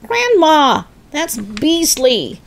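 A frightened little boy in a storybook reading, as a woman puts him on, crying out high and shrill. His voice jumps far above the reader's own and rings with horror. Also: sing-song, drawn-out words, a little hiss or hum, full character voice. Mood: appalled.

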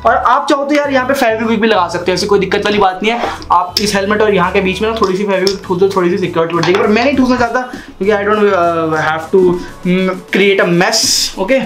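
A man's voice: sits high, a little fast, music in the background. A young man in a casual how-to vlog, chatting and repeating himself as he works with his hands at a desk in a small room. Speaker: vlogger.

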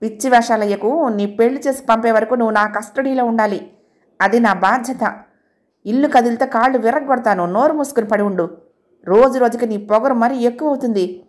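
A woman's voice: fairly high pitch, fairly quick, close to an everyday voice. Stern angry father, as a woman reads him. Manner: harsh, commanding.

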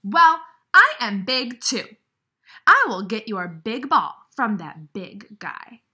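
Lady doing a big worried elephant guy from a kids book, loud, huffy, slow drawn out words. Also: on the high side, very animated, slightly rough, heavily acted. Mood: indignant. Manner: loud, emphatic, drawn-out exclamations. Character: big, anxious, indignant male elephant, picture-book character. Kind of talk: children's storybook read-aloud.

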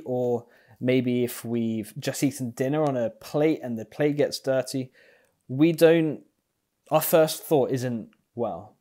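The speaker is a young pastor with a warm, medium-pitched voice, giving a sermon online from a small home room. He faces the camera, wears an earphone mic, and talks slowly and reflectively with frequent ums.

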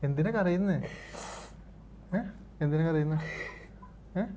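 A man playing a gentle father who keeps softly asking his crying daughter what is wrong. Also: a little high, slow pace, lo-fi sound, a little hiss or hum. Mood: gently coaxing. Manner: soft, repeated coaxing questions.

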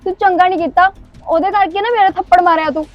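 A woman's voice: very high voice, fairly even intonation, fast talker, lo-fi sound, soft background music. A woman acting in a short drama, emotional and accusing. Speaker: actress in a short Punjabi drama. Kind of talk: amateur short-film acting.

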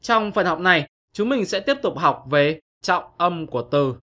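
Bright-voiced male teacher explaining. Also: sits high, expressive, moderate pace. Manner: patient, explains step by step to young pupils. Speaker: English teacher. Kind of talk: scripted online lesson narration.

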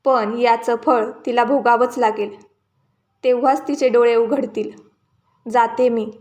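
A woman's voice: a little high, fairly even intonation, a little slow, a little mellow, lightly acted. A woman voicing a poor, angry old woman who bitterly scolds a proud queen in a folk tale. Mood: bitter reproach. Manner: bitter, reproachful.

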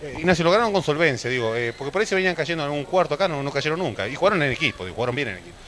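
A man's voice: fairly high pitch, sing-song, very fast, a bit bright. A man with an Argentine accent interviewing a basketball player for local TV, asking chatty questions full of fillers. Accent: Argentine Spanish. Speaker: sports reporter interviewing a player.

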